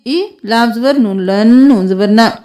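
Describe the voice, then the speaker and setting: A woman teaching a tajweed reading lesson. She draws each recited word out slowly, then spells out the letters in quick plain explanations. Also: fairly high pitch, a little mellow.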